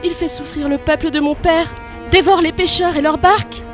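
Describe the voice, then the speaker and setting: A woman's voice: high voice, fairly even intonation, normal speed, over music, close to an everyday voice. A woman narrator voicing a frightened young princess, sighing and crying out in terror in a storybook reading. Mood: terrified.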